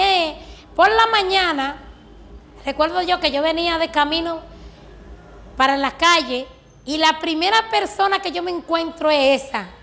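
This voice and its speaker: This guest has an extremely high, fairly bright voice with vocal fry. She earnestly gives her religious testimony, describing prayers and their answers with deep conviction.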